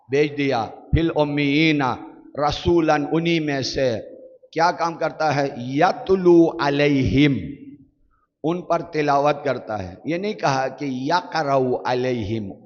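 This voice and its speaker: A man's voice: on the high side, dull audio. Preaching man in an echoey hall. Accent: Pakistani Urdu. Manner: rhetorical questions, declaiming Arabic verses slowly. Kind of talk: sermon. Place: large prayer hall.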